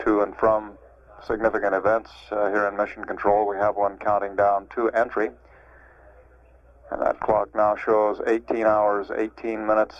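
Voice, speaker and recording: Male spaceflight commentator, lowish and monotone, measured halting delivery, muffled archival radio sound. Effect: archival broadcast radio sound. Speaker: mission control public affairs announcer. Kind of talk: live spaceflight status commentary. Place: Mission Control. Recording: dull, band-limited archival radio feed.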